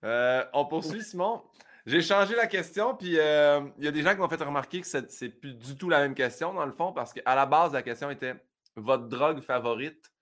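A man's voice: on the high side, normal speed, a bit bright. A man with a Québécois French accent hosting a podcast, asking questions in an easygoing way and laughing often. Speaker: podcast host. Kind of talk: casual interview.

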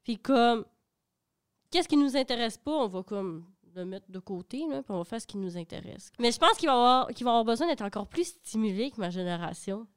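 Young quebec woman on a panel, smooth clear voice, chatty, lots of "genre" and "comme". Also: fairly high pitch, brisk. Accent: Quebec French. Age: young adult. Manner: animated, talks with fillers like "genre" and "comme". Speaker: panel guest. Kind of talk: casual panel discussion.

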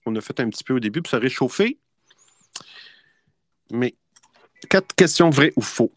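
A man's voice: mid-range voice, expressive, normal speed, no echo. A man with a Québécois French accent hosting a casual online quiz show, playful and chatty. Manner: playful, chatty, laughs often. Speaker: quiz host.

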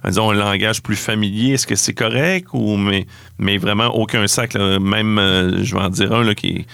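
A low, gravelly man asks questions as an interviewer. He talks with lots of hesitant fillers and small jokes. The recording is dry and close. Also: steady tone, normal speed, fairly bright tone, dry recording. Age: 40s. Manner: hesitant, filler-heavy, joking. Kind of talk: casual interview.

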